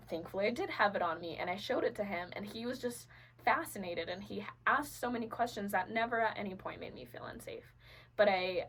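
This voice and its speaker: A woman's voice: mid-range voice, fairly bright tone, slight background noise, poor audio. A young adult woman from Venezuela, a podcast guest, telling her personal story earnestly with many fillers and restarts.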